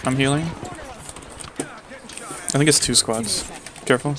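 A man's voice: mid-range voice, steady tone, takes it slowly. A man chatting casually while playing a shooter game, crude and joking, laughing often. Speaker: streamer playing with a friend. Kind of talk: casual gaming chat. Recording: loud fan noise behind the mic.

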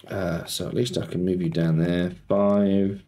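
Chatty streamer, echoey room. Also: male voice, low voice, flat delivery, unhurried, warm tone. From Nottingham, England. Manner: chatty, reads viewer messages aloud and greets them, cheeky banter. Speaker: slots streamer. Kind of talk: casual live-stream chat. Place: home streaming room, indoors. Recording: echoey room, faint background music.

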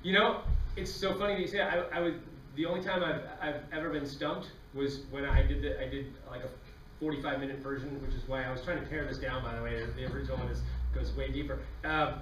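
A man's voice: mid-range voice, fast, slight background noise. A man giving a comedy talk and acting out voices as he tells stories to a live audience. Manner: animated, acts out voices while telling stories. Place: lecture hall with a live audience. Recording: echoey hall, from a distance.

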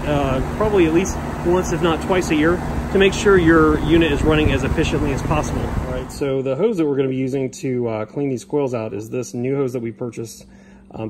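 Man vlogging outdoors, noisy yard. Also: a little high. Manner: plain, with many fillers and restarts. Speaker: home maintenance channel host. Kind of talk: casual how-to vlog. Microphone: phone camera at arm's length. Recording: outdoor phone audio with clear background noise.

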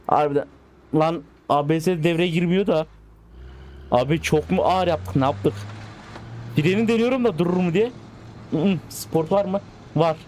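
A man with a slightly high voice gives excitable, casual commentary over a driving game. He coaxes and scolds the cars on screen as if they were pets. Faint engine sounds hum behind him. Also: normal speed, long pauses. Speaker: gaming channel host.

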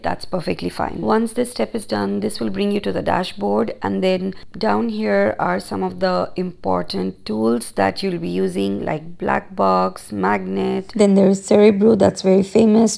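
Woman, tutorial host, very gravelly, scratchy from illness, upbeat and instructive. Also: mid-range voice, darkish tone. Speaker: online business educator. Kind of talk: software tutorial.

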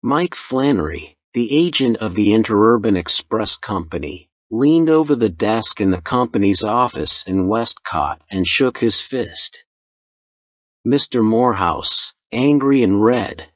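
A man reading a story slowly and deliberately for English learners. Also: fairly low pitch, no echo, studio quality. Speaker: narrator. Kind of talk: slow scripted story narration for English learners.

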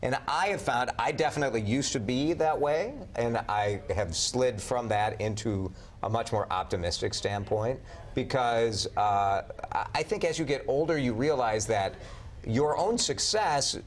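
A middle-aged man anchoring a morning show panel, talking in a measured, reflective way. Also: mid-range voice, expressive. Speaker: news anchor. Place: TV news studio.

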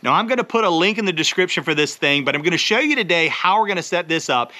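A man's voice: sits high, lively intonation, fast, pushed and bright. A middle-aged man, host of a homesteading channel, explaining step by step in a casual, practical way while filming himself outdoors beside a chicken coop. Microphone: handheld camera at arm's length.

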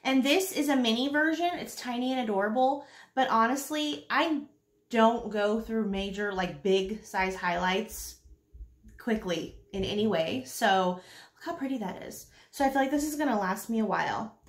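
A woman's voice: on the high side, normal speed. A woman in her thirties chatting casually through a makeup tutorial as a beauty vlogger, repeating herself for emphasis. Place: small indoor room at home, seen on camera. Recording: roomy home recording with faint noise.

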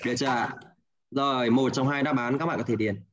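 A man's voice: mid-range voice, fairly even intonation, fairly quick, a crowd in the background. A man with a Hanoi accent teaching an English class, patiently repeating answers and checking in with the students. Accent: Hanoi Vietnamese. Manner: patient, repeats answers, ends with "đúng không ạ?". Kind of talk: online class, guiding students through exercises.

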